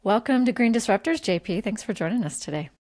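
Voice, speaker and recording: A woman's voice: medium pitch, lively intonation, quick pace, darkish tone, soft background music. A woman hosting a podcast interview, asking questions in a friendly, conversational way. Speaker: podcast host.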